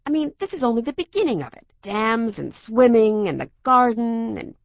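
A woman's voice: fairly high pitch, big pitch swings, moderate pace, gravelly, no echo, dull audio, voice pushed up. A woman doing an eager, teasing older boy. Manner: enthusiastic, teasing.

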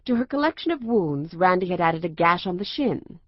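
A woman narrating a children's storybook aloud in an expressive reading voice. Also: fairly low pitch, fairly quick, dry recording, highs cut off.

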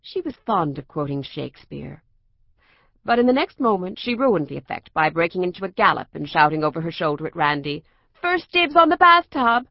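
A woman narrating a children's storybook aloud in an expressive reading voice. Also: low voice, brisk, vocal fry, dry recording, dull audio.

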